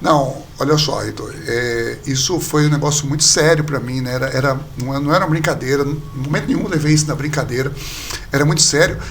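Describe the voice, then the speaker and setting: A man, a pastor and podcast guest, telling a personal story in casual conversation, lively and acting out the people he quotes. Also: mid-range voice, fast, a little hiss or hum. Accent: Brazilian Portuguese. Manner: animated storyteller, acts out quoted dialogue.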